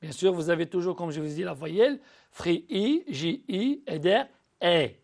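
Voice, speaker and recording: A male teacher talks pupils through a spelling lesson in a high voice. His pitch swings widely as he slowly sounds out syllables. He often stumbles and repeats words before going on. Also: expressive, vocal fry, darkish tone. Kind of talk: recorded school lesson.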